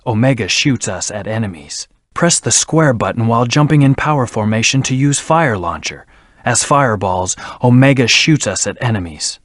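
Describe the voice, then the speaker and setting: A man voicing a brooding, arrogant hedgehog antihero in a video game, with a haughty, clipped, deliberate delivery. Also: mid-range voice, no room sound, clean studio sound, close to an everyday voice.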